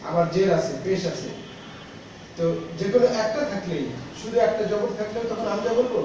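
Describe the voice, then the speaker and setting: High-pitched male teacher, slow syllable drills, distant and echoey classroom sound. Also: noisy background. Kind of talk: classroom lesson. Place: school classroom. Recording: far-off, echoey, dull classroom recording.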